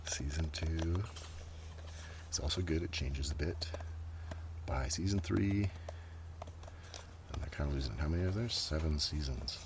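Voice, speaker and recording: Outdoors in a light breeze, with obvious ambient noise around him, a man making ASMR videos chats casually in a hushed voice that sometimes drops to a whisper, narrating items he shows. His voice rumbles low, and he speaks at a measured pace with frequent pauses.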